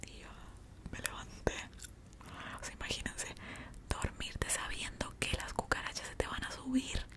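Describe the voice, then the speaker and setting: Young mexican woman whispering a chatty asmr story, chewing gum right up on the mic. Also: normal speed. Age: young adult. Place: small indoor room. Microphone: large desktop microphone up close.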